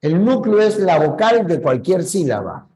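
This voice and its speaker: A language teacher gives a slow grammar lecture, explaining patiently, going over key points again, and correcting himself when he slips. His high, sing-song voice is mellow and measured, though the audio quality is poor.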